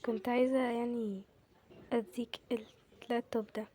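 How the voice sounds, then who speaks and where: A woman's voice: a little high, flat delivery, a little fast, close to an everyday voice. A woman with an Egyptian Arabic accent voicing a shy, hesitant young woman on a date, in a whispered role-play. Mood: nervous. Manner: hesitant, soft-spoken. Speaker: voice actor in a game-animated family drama.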